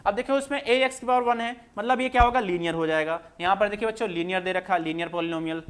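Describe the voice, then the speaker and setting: High-pitched maths sir, keeps asking the kids stuff and answering it himself, repeats everything. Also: male voice, fast talker, clear, resonant tone. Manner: repetitive, asks students questions then answers them. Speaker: maths teacher. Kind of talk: classroom lecture explaining on screen.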